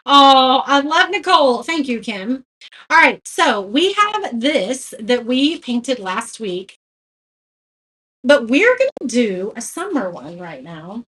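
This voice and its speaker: Chatty high-voiced woman. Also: sing-song, slow, fairly bright tone, husky. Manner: chatty, greets viewers by name, self-deprecating. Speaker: craft tutorial host. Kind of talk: casual live-stream painting tutorial.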